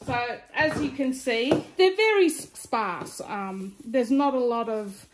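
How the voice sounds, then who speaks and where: A woman's voice: a little high, lively intonation, slow pace, noisy background. An Australian woman giving a casual, chatty craft tutorial, with a slight lisp from wearing retainer-style aligners in her mouth. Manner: informal, chatty demonstrating while handling items. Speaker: DIY craft vlogger.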